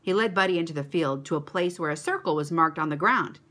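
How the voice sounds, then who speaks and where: A woman reading a children's story aloud to a church kids' club, expressive and animated. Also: deep voice, fast talker.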